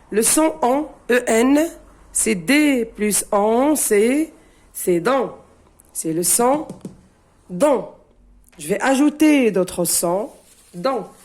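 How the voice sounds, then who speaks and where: Woman teacher, mellow and somewhat high voice, spells out sounds at a very slow pace. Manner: spells letters one by one and repeats each sound. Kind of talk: slow syllable-by-syllable reading lesson.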